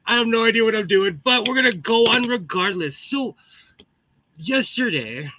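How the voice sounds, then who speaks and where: Bright, chatty man with tinny metallic sound. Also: high-pitched, no echo. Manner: chatty, exclamatory, greets viewers. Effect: tinny, metallic tin-can microphone sound. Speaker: livestream host, sewing hobbyist. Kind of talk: casual livestream chat.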